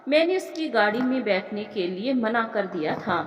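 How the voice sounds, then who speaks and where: A woman's voice: a little high, lively intonation, normal speed, close to an everyday voice. A woman voicing a proud, suspicious young college woman who talks sharply and scolds. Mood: doubtful. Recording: echoey room with long reverb.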